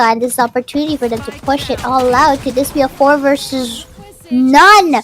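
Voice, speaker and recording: Female esports caster, high bright voice, rapid animated play-by-play. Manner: quick, animated calls with frequent restarts. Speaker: esports shoutcaster. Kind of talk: live play-by-play game commentary.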